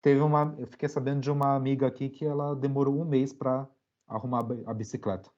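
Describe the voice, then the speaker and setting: A young Brazilian man, a podcast guest, telling a story in a relaxed, slangy way with many fillers. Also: mid-range voice, quick pace, lo-fi sound. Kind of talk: casual storytelling interview.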